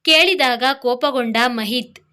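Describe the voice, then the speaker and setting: A woman's voice: high-pitched, unhurried, sharp tone. A woman reading a family drama story aloud, narrating and speaking every character's lines herself with feeling. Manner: reads all roles herself, voicing dialogue with feeling.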